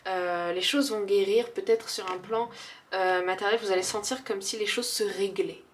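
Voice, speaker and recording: A woman's voice: mid-range voice, fairly even intonation, normal speed, slight background noise. A woman doing a casual tarot reading, chatty and hesitant, with many fillers and frequent laughs. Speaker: tarot card reader.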